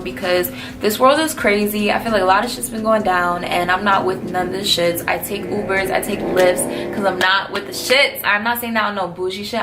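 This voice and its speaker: Laid-back young New woman, vocal fry. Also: mid-range voice. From New York. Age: early 20s. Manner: slangy, blunt, laid-back. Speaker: vlogger answering fan questions. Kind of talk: casual Q&A chat.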